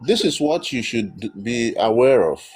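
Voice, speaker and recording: A man's voice: medium pitch, very animated, moderate pace, a little mellow, husky. A man giving emphatic, blunt spiritual counsel as host of a live call-in.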